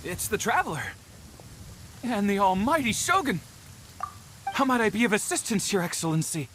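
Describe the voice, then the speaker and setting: A man's voice: high voice, very animated, normal speed, fairly bright tone, slight background noise. A man playing a nervous, obsequious estate servant in a video game, formal, deferential and stammering. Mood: respectful surprise. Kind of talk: video game character dialogue.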